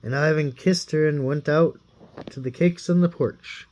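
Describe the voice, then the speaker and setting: A man reading a fairy tale aloud in a playful, animated way. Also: on the high side, moderate pace, lo-fi sound. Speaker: storyteller.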